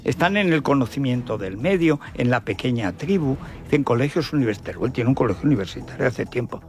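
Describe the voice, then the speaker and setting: Faint music sits behind this older man as he gives a radio commentary in a colloquial, opinionated way, indignant and packed with rhetorical questions. He has an accent from Spain and a medium-pitched, expressive voice moving at a fairly quick pace.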